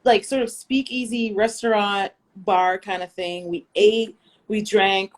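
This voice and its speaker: An American woman chatting casually, telling a lively story full of fillers and asides. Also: medium pitch, a little slow. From United States. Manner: animated storyteller, lots of fillers. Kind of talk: casual chat.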